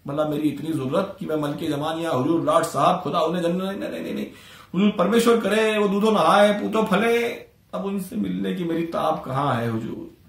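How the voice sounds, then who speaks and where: A man's voice: a little high, normal speed, sharp tone. A man voicing a boastful, pompous old male clerk who puffs himself up, in an echoey room. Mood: pleading. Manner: puffed-up and boastful, then pleading.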